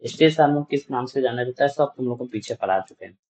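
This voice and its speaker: A man's voice: medium pitch, fast, a little mellow. A man teaching a nursing class, quizzing students and often answering his own questions, repeating each term several times. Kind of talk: classroom lecture.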